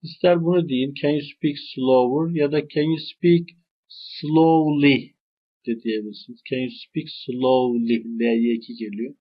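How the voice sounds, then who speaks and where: A man with a Turkish accent leads a language lesson. His voice is husky and sits at an ordinary middle pitch, and he models each English phrase slowly and deliberately. The recording sounds dull and lo-fi. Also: steady tone. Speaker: English teacher.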